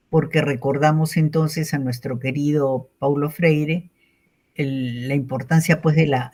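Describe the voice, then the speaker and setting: A woman with a Peruvian accent giving an online lecture in a warm, reflective way, often closing phrases with a questioning tag. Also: deep voice. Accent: Peruvian Spanish, from Callao. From Peru. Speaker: invited lecturer. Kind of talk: online conference talk.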